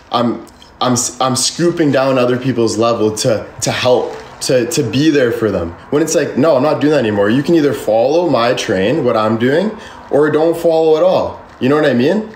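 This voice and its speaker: With a medium-pitched voice, a man in his twenties rants on a livestream, rambling, defensive, emphatic and freely profane. He records indoors in his bedroom under a ceiling fan, using a phone camera at arm's length. The room echoes and a little hiss or hum comes through.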